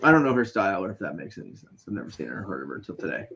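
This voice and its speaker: A man in his late thirties co-hosting a casual podcast, animated and teasing, swearing freely. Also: low-pitched, very fast, creaky, highs cut off, a little hiss or hum. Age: 30s. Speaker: podcast co-host.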